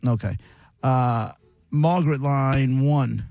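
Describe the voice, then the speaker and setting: A man hosting a call-in radio show, brisk and teasing as he handles callers. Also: medium pitch, gravelly, a little mellow, no echo. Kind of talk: casual call-in radio banter.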